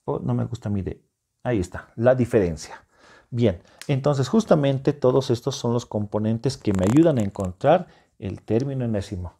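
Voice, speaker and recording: A male math teacher with a mellow, warm tone walks secondary students through a lesson at the board. He is patient and encouraging, breaking each step down and keeping the class with him through frequent check-in questions. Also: mid-range voice, lively intonation, moderate pace, creaky, breathy edge. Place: classroom whiteboard.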